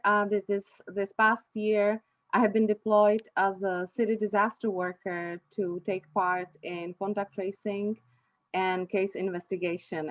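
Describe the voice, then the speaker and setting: A woman introduces a conference session, halting often with fillers and restarts. Her voice sits in a middle range. The recording is dry and slightly muffled. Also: mid-range voice, a bit bright, dry recording. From Czech Republic. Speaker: session moderator, librarian.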